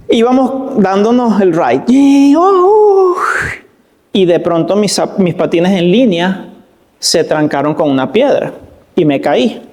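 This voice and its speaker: Man, guest pastor, high-pitched, storytelling preacher who drags out his emphasis. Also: dark tone. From Venezuela. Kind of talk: sermon.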